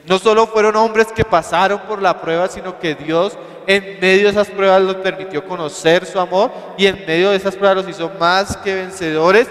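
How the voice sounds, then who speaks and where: Male preacher with a Colombian accent, high-pitched, reads verses slowly and drives points home with questions; church-hall reverb. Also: steady tone, a bit bright. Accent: Colombian Spanish. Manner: reads scripture slowly, then explains with emphasis; addresses listeners as brothers with rhetorical questions. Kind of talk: sermon.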